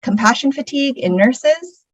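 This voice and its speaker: A woman's voice: high voice, expressive, normal speed, no echo, muffled recording. A woman reading a scripted presentation as one of its presenters.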